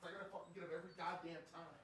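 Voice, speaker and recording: Man, slightly high voice, live streamer, casual chat, sweary, repetitive. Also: little pitch movement, very fast, a bit bright, a little hiss or hum. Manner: sweary, repeats phrases.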